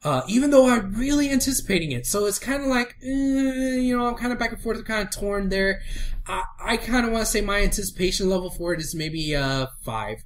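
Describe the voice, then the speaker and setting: A man co-hosting a casual podcast, talking fast and laughing a lot as he teases his partner. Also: high-pitched. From Houston area. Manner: animated, laughs a lot, teasing. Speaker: podcast co-host.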